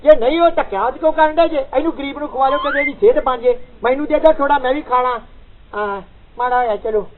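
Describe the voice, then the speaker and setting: A man's voice: very high-pitched, quick pace. A male comedian, teasing and mock-sympathetic in an improvised village comedy sketch. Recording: tinny lo-fi with crowd noise.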